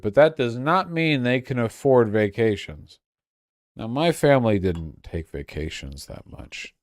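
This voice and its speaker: A man's voice: mid-range voice, darkish tone, no room sound, clean studio sound. A very drunk man rambling on a casual livestream, crude, losing his thread and stumbling over repeated words. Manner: crude, swearing.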